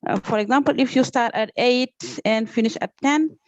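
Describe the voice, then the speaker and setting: A woman's voice: fairly high pitch, moderate pace, highs cut off, a little hiss or hum. A woman from Senegal with a Senegalese accent, a teacher speaking off the cuff in a group class, hesitant, repeating words and often saying "okay". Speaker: teacher taking part in an online training. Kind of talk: unscripted comment in a group class.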